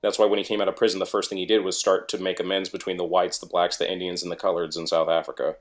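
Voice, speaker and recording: A man with a low-pitched voice speaks very fast with flat delivery. He is a guest on an online group call, chatting casually and bluntly about his political opinions and sometimes swearing.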